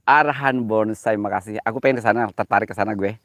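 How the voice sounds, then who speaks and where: A man's voice: on the low side, fast, fairly bright tone, dry recording, studio quality. A man live-streaming outdoors in the rain, out of breath as he climbs a slippery slope, joking, flirting and thanking viewers by name.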